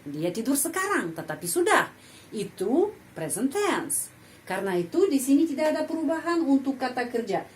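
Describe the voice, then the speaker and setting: Woman teacher going over grammar, kinda high voice, repeats stuff slowly, faint hiss behind. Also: rough recording. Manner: patient, repeats example sentences slowly with frequent "ya". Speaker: language teacher. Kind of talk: explaining grammar to learners.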